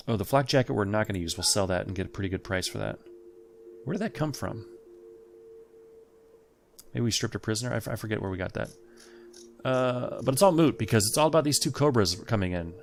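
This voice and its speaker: A man's voice: on the low side, gravelly, a little hiss or hum. A man hosting a let's play, thinking aloud and chatting casually to the game's characters as he plays. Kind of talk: casual gameplay commentary. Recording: faint game music behind.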